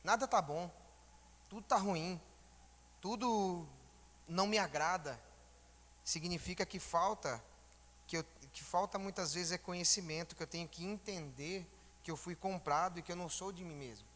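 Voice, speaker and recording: A man's voice: on the high side, pushed and bright, in a large hall, a little hiss or hum. A man giving a conversational sermon in a church, informally asking the congregation rhetorical questions. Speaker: church elder preaching.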